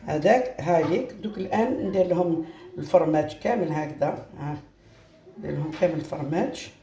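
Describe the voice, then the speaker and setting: A woman's voice: low voice, animated, a little fast, dark tone. A woman with an Algerian Arabic accent hosts a home cooking video. She walks viewers through each step in a chatty, repetitive way and keeps calling them "girls". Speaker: home cooking channel host. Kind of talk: casual step-by-step cooking demonstration. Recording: roomy echo with faint background noise.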